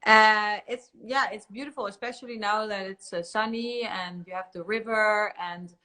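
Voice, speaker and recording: Bright-voiced woman with a Chilean accent. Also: medium pitch, fairly even intonation, moderate pace. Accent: Chilean Spanish. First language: Spanish. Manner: hesitant, many fillers, giggly. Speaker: guest singer. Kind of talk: casual interview chat.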